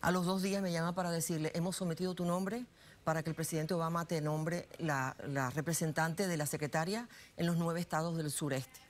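A woman in her sixties, born in Cuba, talks on a lapel mic in a TV studio. Her voice sits low, and she speaks chattily, with many fillers and restarts. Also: fairly even intonation, fairly quick. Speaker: guest, political analyst. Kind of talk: studio interview, personal story.

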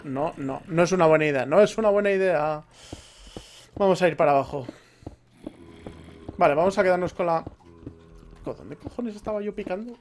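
Swearing Spaniard gamer muttering while playing. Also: male voice, fairly high pitch, a little mellow, slight background noise. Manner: swears a lot, mutters to himself. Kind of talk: let's play commentary.

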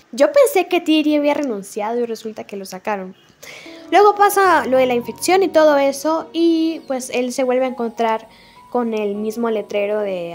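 A young woman with a high, bright-sounding voice walks through a game's story in a chatty, playful way. She is expressive and talks like a friend. Faint music sits underneath. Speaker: gaming video creator. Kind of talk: casual game story recap. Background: faint background music.

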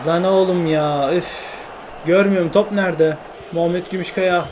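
High-voiced young man, excitable game commentary. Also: normal speed, background noise. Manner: shouts at teammates, frustrated and joking. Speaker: gaming YouTuber.

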